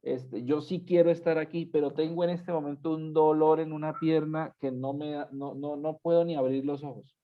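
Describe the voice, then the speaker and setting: A man voicing a tired, drained man preacher who greets his congregation slowly and without enthusiasm, in a dull lo-fi recording. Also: a little high, little pitch movement, natural voice. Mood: apologetic. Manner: slow, drained and unenthusiastic.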